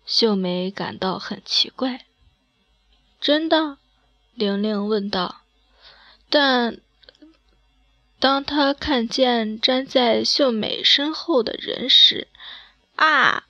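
A woman narrating a scripted horror story in a slow, measured reading. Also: fairly high pitch, pushed and bright, no room sound, lo-fi sound.

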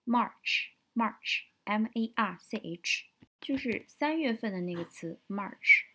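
A woman teaching English vocabulary from a news story, explaining words step by step, spelling them out slowly and repeating them. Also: mid-range voice, expressive, bright, forceful tone, rough recording.

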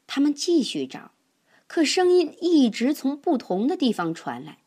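A woman reading a picture book aloud to young children as a storyteller, gentle and expressive. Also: high-pitched, normal speed.

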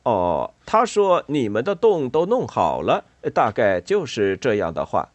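A hearty, booming gentleman bat from a storybook, as a man puts him on. He talks loud and full, with a lively rise and fall, in a dry, close sound. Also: unhurried, no room sound.

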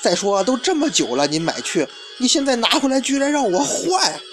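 A man's voice: high-pitched, big pitch swings, moderate pace, a bit bright, soft background music. A man voicing a proud, touchy mustached shoe-shop owner in a storytelling retelling, with flustered, indignant outbursts. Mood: outraged.

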